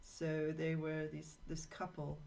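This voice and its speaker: A woman's voice: sits low, completely flat delivery, takes it slowly, gravelly, dark tone, low-quality recording. A woman hosting a live drawing show, chatting to viewers and telling rambling anecdotes as she draws. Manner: rambling, anecdotal, talks to viewers while working. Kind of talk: chatty live-stream narration while drawing.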